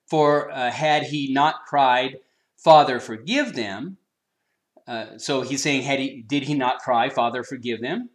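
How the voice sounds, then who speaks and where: A man delivers a sermon in a slightly higher-than-usual voice, reading a commentary aloud. He leans hard into each scripture quote and stops often with an "uh" before going on. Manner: earnest, with emphatic swells on scripture quotes and frequent "uh" pauses. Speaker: preacher.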